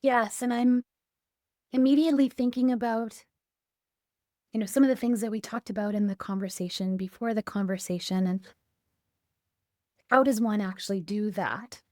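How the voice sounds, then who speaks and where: A woman with a warm, mellow voice co-hosts a relaxed podcast conversation. She talks reflectively, recounting experiences from her coaching work. The recording is close and dry. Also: on the high side, moderate pace, long pauses, no room sound. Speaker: podcast co-host.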